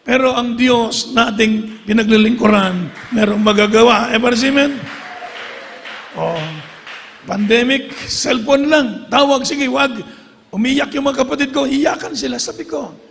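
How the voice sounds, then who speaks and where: A middle-aged preacher with a very high, gravelly voice gives a rousing sermon. He keeps calling on the congregation for amens and applause. The sound carries a long reverb from a big church hall. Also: steady tone, unhurried, a bit bright.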